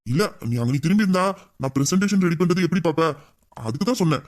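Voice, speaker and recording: A man's voice: sits high, animated, fast talker, a little mellow. A man playing a teasing, bossy male boss. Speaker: boss voicing a romantic male lead. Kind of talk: Tamil audio drama acting.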